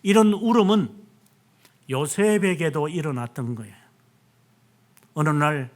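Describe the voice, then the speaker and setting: A male pastor preaching a sermon, retelling scripture dramatically and acting out quoted lines. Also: on the high side. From South Korea.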